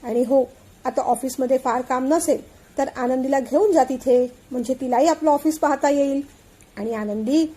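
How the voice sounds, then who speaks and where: A woman's voice: high voice, dark tone. A woman voicing a firm but affectionate father who runs the family company, in a storybook reading.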